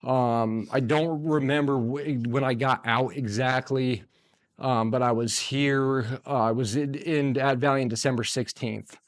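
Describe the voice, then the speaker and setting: A man's voice: medium pitch, steady tone, measured pace, dry recording. A man in his forties from the United States talks in a loose, rambling way, leaning on fillers. His voice sits in the middle of the male range. The sound is dry and close. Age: 40s. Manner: loose and rambling, full of fillers, choked up at times. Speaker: guest. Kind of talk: casual interview talk.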